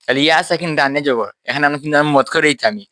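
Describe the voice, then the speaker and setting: Bright-voiced man teaching recitation rules. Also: on the high side, no room sound. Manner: explains step by step, asks the class questions and drills slow drawn-out letters. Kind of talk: tajweed class lesson.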